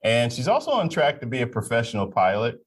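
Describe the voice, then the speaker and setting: A man's voice: medium pitch, big pitch swings, fast talker. A man hosting a live aviation talk show, introducing guests in a friendly, joking way. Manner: friendly, jokey, stumbling over names. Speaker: host.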